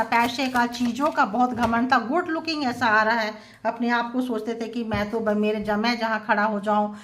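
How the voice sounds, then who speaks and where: A woman giving a channelled tarot reading to her viewers, mixing English phrases into her talk and reading out messages slowly. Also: fairly high pitch, fairly bright tone, slight background noise. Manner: mixes English phrases into Hindi, reads out slow English messages. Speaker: tarot reader.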